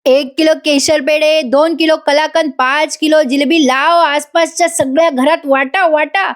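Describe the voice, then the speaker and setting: A woman reading the lines of an overjoyed older father-in-law in a television serial review, loud and bossy. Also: high voice, steady tone, unhurried, voice pushed up.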